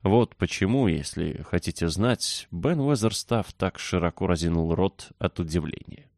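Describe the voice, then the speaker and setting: A man narrating a children's novel as an audiobook, reading in a steady, expressive way. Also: deep voice, normal speed, gravelly, dry recording, studio quality. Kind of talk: scripted narration.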